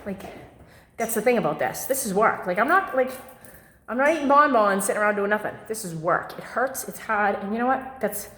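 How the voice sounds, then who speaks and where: A woman's voice: mid-range voice, expressive, brisk, fairly bright tone. Woman, chatty workout demo, filler-heavy, slightly winded, echoey room, long reverb. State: slightly out of breath. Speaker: fitness vlogger. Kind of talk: casual workout demonstration.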